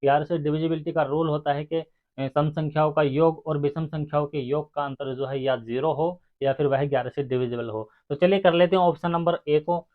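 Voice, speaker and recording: A maths teacher for exam hopefuls speaks fairly quickly in a fairly high, steady voice. Addressing students directly, he walks through each step and counts the sums aloud. The sound is narrow and muffled, like a phone.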